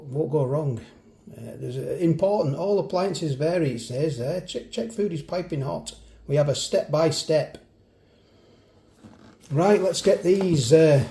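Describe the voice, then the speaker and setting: A man's voice: a little high, mellow, echoey room. A man doing a casual review of a supermarket meal kit in his kitchen, chatty and self-mocking with rambling asides. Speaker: food reviewer. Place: home kitchen.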